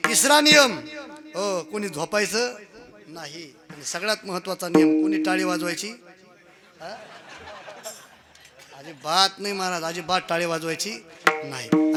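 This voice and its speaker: A man preaching a kirtan sermon in a festival pavilion, joking with the crowd, calling out questions for them to answer and declaiming with sung emphasis. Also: high-pitched. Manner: playful, commanding, calls on the crowd to answer.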